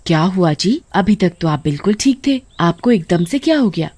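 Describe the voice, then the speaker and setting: A woman's voice: on the low side, expressive, moderate pace, darkish tone, husky, no echo. A woman voicing a caring, supportive farmer's wife in a cartoon story. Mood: concerned.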